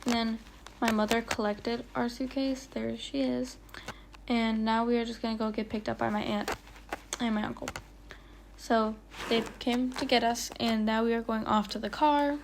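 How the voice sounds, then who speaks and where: On the high side and creaky, this woman's voice keeps a level tone at normal speed against background noise. A vlogger, she chats and rambles through a casual travel voiceover done off location, leaning on fillers and stumbling over words at times.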